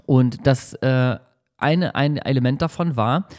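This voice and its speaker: Animated man giving casual motivation. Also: mid-range voice, a little slow. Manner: animated, slangy, acts out whiny coworkers.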